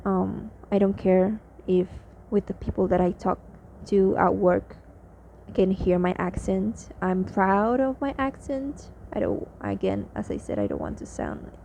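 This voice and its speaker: Talking to her vlog like a diary, this young woman from Mexico speaks English with a Mexican accent and Spanish as her native tongue, weary and halting with lots of fillers and restarts. Her mid-range, dark voice is very animated yet a little slow, on dull lo-fi audio with faint hiss.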